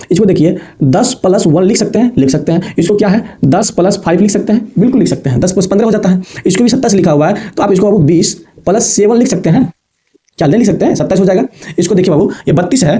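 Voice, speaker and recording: A man with a high, mellow voice teaches students a basic maths lesson, patiently repeating his points. He speaks to them affectionately, calling them "babu" and "bachchon."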